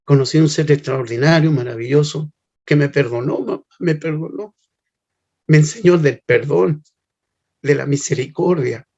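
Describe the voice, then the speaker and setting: An older man giving a heartfelt, halting personal testimony. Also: fairly high pitch, a little mellow. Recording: slightly muffled lo-fi recording.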